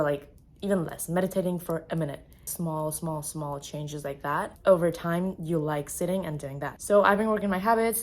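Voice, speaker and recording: A woman's voice: low-pitched, a little mellow. Chatty young woman vlogging casually. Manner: chatty, upbeat, many "like" fillers. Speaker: fitness vlogger. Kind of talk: casual vlog chat. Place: home, then gym.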